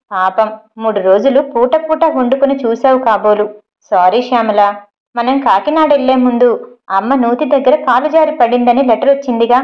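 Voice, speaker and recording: A woman reading as a calm, soothing young husband. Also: fairly high pitch, lo-fi sound, close to an everyday voice. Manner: easygoing, soothing and explaining.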